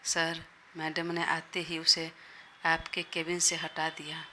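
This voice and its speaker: A woman doing a deferential young male assistant in a storybook audio drama. He sounds polite and eager. The voice is bright and low, with a faint hiss behind it. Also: completely flat delivery, slow, exaggerated voice.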